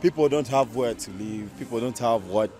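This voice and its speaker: A man's voice: medium pitch, moderate pace, a little mellow, soft background music. Earnest young man outdoors. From Uganda. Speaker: basketball player. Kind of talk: casual interview answer. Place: outdoor parking lot.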